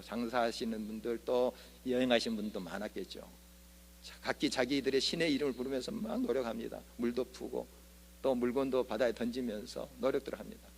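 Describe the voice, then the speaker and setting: Gravelly-voiced male pastor preaching. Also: mid-range voice. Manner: earnest preaching with rhetorical questions and quoted prayers. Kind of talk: sermon. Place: church sanctuary. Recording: long church hall reverb.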